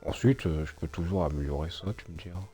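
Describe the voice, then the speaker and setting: A man's voice: deep voice, fast talker, dark tone, slightly rough, soft background music. A man streaming a video game, muttering to himself in a hesitant, casual way and chatting with his viewers. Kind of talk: casual gameplay live-stream commentary.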